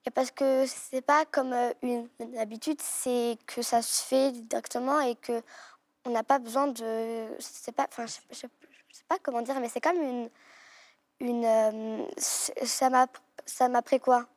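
Young girl guest, high-ish voice, stops and restarts a lot, dry close sound. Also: steady tone, measured pace, no echo. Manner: hesitant, with many restarts. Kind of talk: casual chat.

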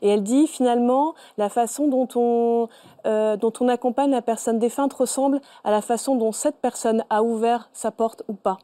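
A woman author on a talk show, speaking thoughtfully and hesitantly, with many pauses and fillers. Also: on the high side, fairly even intonation, mellow. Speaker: author guest. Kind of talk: studio interview.

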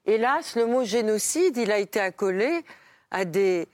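A woman guest in a studio debate, speaking in a measured, reflective way. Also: mid-range voice, lively intonation, darkish tone, dry recording. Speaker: guest commentator.

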